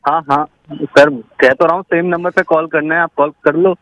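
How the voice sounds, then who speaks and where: A man's voice: a little high, fairly even intonation, moderate pace, a bit bright, no room sound, rough recording. A man on the receiving end of a prank call who sounds exasperated and bewildered.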